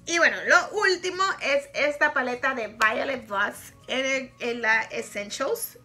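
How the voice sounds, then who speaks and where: In her small bedroom, a Puerto Rican woman in her thirties films a makeup review vlog, talking frankly about products and laughing often in her Puerto Rican Spanish accent. Her voice is high, unhurried, pushed and bright, with soft music in the background.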